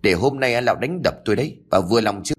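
A man voicing a rude, defiant young man who sneers and curses fast at his parents. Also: fairly low pitch, expressive, breathy edge. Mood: defiant sneering.

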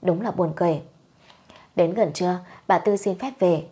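A woman reads a story aloud in a steady, measured audiobook style. Her voice sits low and has a husky edge. The delivery stays even and unhurried.

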